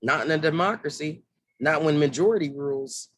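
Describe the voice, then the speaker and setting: A fired-up man holds forth on politics in a heated monologue, swearing freely and slipping into quick voices for the people he quotes. His voice sits fairly high for a man. The sound is dry and close, with no room around it. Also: no room sound. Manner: heated, swears, acts out quotes in lively asides. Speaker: political commentator.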